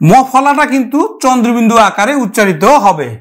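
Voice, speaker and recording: A woman teacher giving a pronunciation lesson, explaining step by step, repeating each word slowly and speaking straight to her students. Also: a little high, lively intonation. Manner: addresses the class directly.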